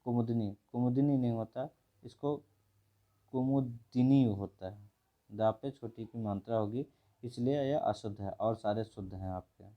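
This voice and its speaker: Brisk man teaching grammar. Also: fairly low pitch, lo-fi sound. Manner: brisk, repeats each word and asks the viewer. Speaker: Hindi teacher. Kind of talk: exam revision lesson.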